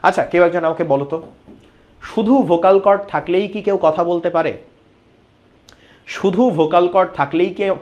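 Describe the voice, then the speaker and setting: A man teaching an online biology class, explaining step by step and often asking his students questions. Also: a little high.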